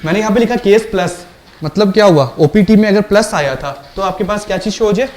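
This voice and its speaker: High-voiced man teaching a programming class. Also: fast, a little mellow. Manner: explains step by step, asks the class questions and checks understanding. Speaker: programming lecturer. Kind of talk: classroom lecture.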